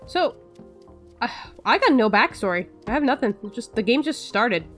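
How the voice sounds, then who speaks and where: A woman's voice: on the high side, big pitch swings, moderate pace, fairly bright tone, faint music behind. Chatty woman narrating her gameplay. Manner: chatty, self-mocking, does voices for characters. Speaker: let's play host. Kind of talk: casual gameplay commentary.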